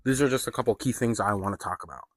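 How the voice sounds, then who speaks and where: A man's voice: on the low side, rapid-fire, no room sound, clean studio sound. A man giving a casual spoken film review, loose and profane, full of fillers and slang. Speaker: movie reviewer.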